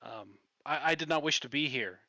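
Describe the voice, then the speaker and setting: A nervous woman inventor apologizes and pleads for calm, soft and halting, as a man plays her. The tone is bright and close, with no room sound. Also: fairly high pitch, dry recording, heavily acted. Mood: apologetic, earnest. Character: anxious, apologetic woman tinkerer, conflict-shy.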